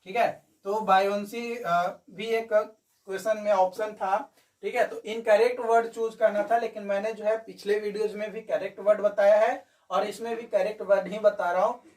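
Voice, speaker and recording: A man's voice: high voice, flat delivery, moderate pace, a little mellow, distant mic. A male coaching teacher going through exam answers in a chatty video lesson, repeating his key points.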